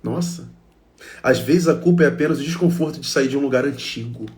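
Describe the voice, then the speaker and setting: A man's voice: mid-range voice, a little fast, darkish tone. A man with a Brazilian Portuguese accent giving an emotional self-help talk, speaking emphatically to his listeners in short repeated phrases.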